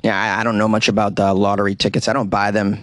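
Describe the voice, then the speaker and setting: A man's voice: fairly low pitch, monotone, fast, fairly bright tone, no echo, clean studio sound. A man hosting a casual comedy podcast about odd news, rambling in a wry, self-deprecating way, recorded in a small closet. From New England. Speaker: podcast host.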